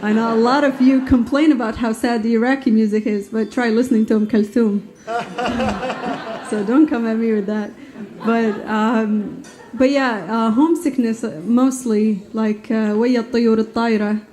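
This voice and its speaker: A woman's voice: on the high side, steady tone, moderate pace, a little mellow. A woman born in Iraq, a singer talking on stage at a live show, hesitant and full of fillers. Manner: hesitant, many fillers, laughs often. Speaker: singer and guest. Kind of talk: live onstage conversation. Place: stage at a live music venue.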